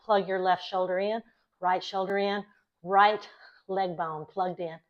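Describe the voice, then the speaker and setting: A woman yoga instructor leading a class in calm, encouraging, short step-by-step cues timed to the breath. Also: medium pitch, measured pace. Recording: dull, lo-fi sound.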